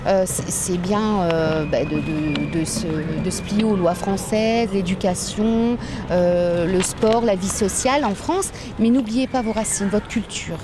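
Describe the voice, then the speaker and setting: A woman's voice: mid-range voice, unhurried, few pauses. Earnest woman giving advice outdoors. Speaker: interviewee. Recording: street noise.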